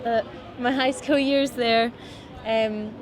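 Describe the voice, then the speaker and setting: A woman's voice: fairly high pitch, slow. Young Scottish woman chatting outdoors. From Scottish Highlands. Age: 20s. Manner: relaxed, rambling with many fillers. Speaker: musician guest. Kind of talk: casual interview chat. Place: outdoors by a city riverbank. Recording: outdoor crowd noise behind.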